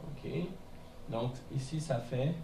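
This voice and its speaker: A man teaching a beginners' class in a mosque classroom, explaining patiently and repeating words slowly, often checking with "hein?". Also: medium pitch, steady tone, creaky. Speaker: Arabic teacher. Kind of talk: classroom lesson. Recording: echoey room from a distance, faint noise.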